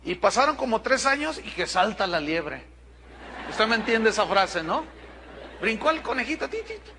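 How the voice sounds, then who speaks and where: Lively Mexican pastor preaching. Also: male voice, high-pitched, moderate pace, noisy background. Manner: storytelling, blunt and animated with asides to the congregation. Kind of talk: sermon. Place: church congregation.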